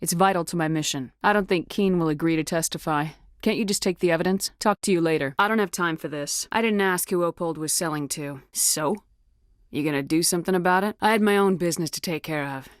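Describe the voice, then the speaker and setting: An actress playing a tough, no-nonsense military space commander in a video game, with a clipped, assertive, businesslike delivery. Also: female voice, on the low side, fairly quick, no echo, studio quality, close to an everyday voice. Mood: tough, confrontational. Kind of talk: video game dialogue acting.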